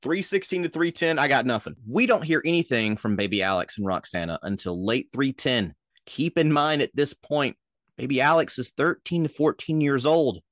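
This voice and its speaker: A young man with a Minnesotan accent, hosting a casual history podcast as a lively storyteller with jokey asides. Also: medium pitch, moderate pace, dry recording, clean studio sound. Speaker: podcast host.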